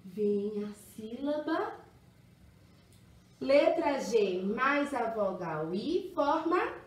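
This woman's voice is a little high, expressive, and very slow as she teaches young children their letters in a singsong, exaggerated, encouraging style. She's a kindergarten teacher giving a phonics lesson, captured in an echoey room with the mic far away.

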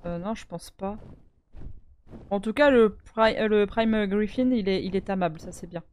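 A woman's voice: mid-range voice, moderate pace, a little mellow. A woman hosting a gaming video, chatting casually with friends while she plays, full of hesitations and laughs. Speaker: gaming channel host. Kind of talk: casual gameplay chat with friends.

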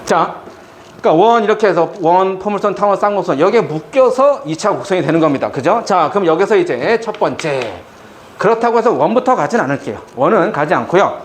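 A man's voice: sits high, expressive, brisk. A middle-aged man teaching math to students in a classroom, chatty and joking as he tells stories between explanations. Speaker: math tutor. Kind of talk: lecture with storytelling asides.

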